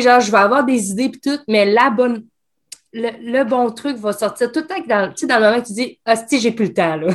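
Laughing Québécoise woman, a little high. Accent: Québécois French. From Quebec. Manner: chatty, laughs often, many fillers. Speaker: guest, escape game creator and streamer. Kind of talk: casual interview chat.

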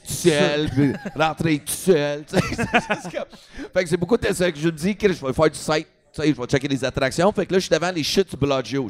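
A male comedian with a Quebec French accent tells a story in casual conversation, his voice pitched on the high side, slipping into English and swearing freely.

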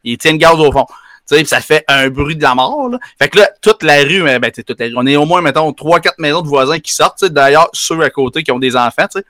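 A man with a Quebec French accent telling a story in casual chat, animated and slangy with lots of fillers. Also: fairly high pitch, fast talker, no room sound, clean studio sound. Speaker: podcast co-host telling a story.

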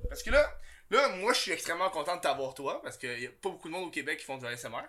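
A man's voice: a little high, expressive, rapid-fire, sharp tone, a little hiss or hum. A man with a Québécois French accent hosting a podcast, talking loosely and joking with slang. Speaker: podcast host. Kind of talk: casual podcast chat.

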